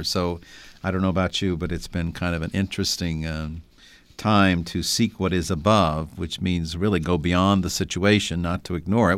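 Deep-voiced older man, closely recorded. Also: dry recording. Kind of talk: Gospel reading and reflective talk.

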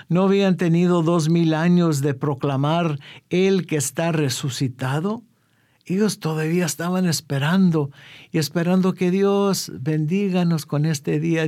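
A man's voice: on the high side, a little mellow. A man preaching a sermon, fervent and full of rhetorical questions.

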